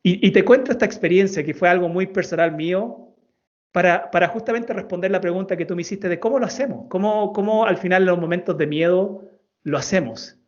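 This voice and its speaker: Telling a personal story with earnest feeling, a storytelling coach in his thirties speaks as a guest in an interview. He talks a little fast in a fairly high voice and repeats words to stress them. The audio has a dull, lo-fi quality.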